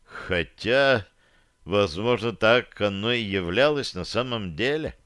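A man narrating a first-person audiobook in an even, measured way. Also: on the low side, clean tone, no echo, studio quality.

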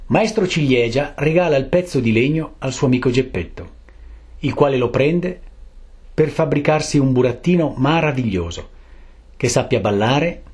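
Animated male storybook narrator. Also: medium pitch. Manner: animated, adds mouth sound effects. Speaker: audiobook narrator.

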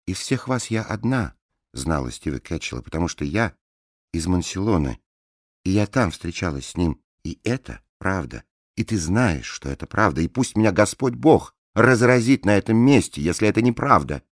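A man voicing a large, kind woman with a soft, melodious voice in an audiobook reading. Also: deep voice, very animated, moderate pace, no room sound, studio quality, voice pushed up. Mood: insistent. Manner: soft and sing-song.

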